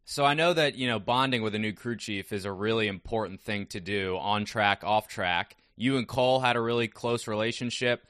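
A man's voice: on the low side, a little fast, hardly any pauses, a bit bright, dry recording, clean studio sound. A man interviewing a guest, asking chatty, upbeat questions.

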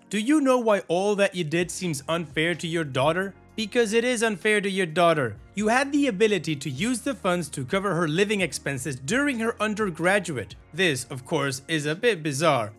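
Male story-podcast host, high-pitched, blunt and a bit sarcastic when giving his verdict. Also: a bit bright. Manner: blunt, opinionated, mildly sarcastic. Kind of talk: reading stories and giving commentary.

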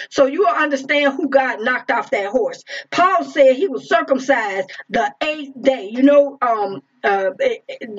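High-voiced woman preaching emphatically. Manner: emphatic, repeats phrases, talks straight to listeners. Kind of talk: informal live-streamed sermon. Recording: dull lo-fi stream audio.

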